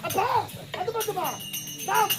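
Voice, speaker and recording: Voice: extremely high pitch, fairly even intonation, a little slow. A performer playing a proud, scornful young prince in a street theatre comedy, declaiming formal lines. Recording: loud crowd and noise at an outdoor show.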